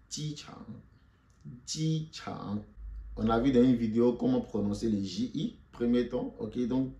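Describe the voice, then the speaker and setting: A man's voice: fairly low pitch, a little mellow, reverberant. A man giving an online Mandarin lesson in French, patiently repeating each word for learners to say after him. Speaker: Mandarin teacher.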